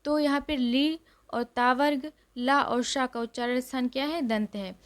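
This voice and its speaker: A woman's voice: high-pitched, fairly even intonation, unhurried. A woman teacher giving an exam revision lesson, repeating each rule and quizzing her listeners. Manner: repeats rules and asks questions to the class.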